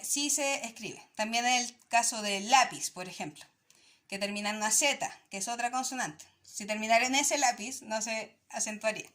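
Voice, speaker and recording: Patient teacher, high voice. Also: female voice, a bit bright. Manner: patient, checks in with "¿ya?" after each point. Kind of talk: recorded classroom lesson.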